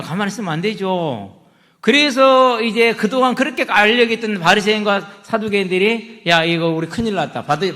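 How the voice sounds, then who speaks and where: A man's voice: high voice, bright, forceful tone. A middle-aged male pastor, preaching a story-driven sermon and asking his congregation questions. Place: church sanctuary. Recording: echoey church hall.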